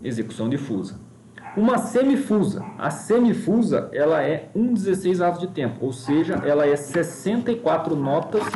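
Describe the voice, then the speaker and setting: A man's voice: a little high, dark tone, a little hiss or hum. A man teaching an online music lesson, patiently explaining note values step by step and chanting rhythm syllables to demonstrate. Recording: echoey room.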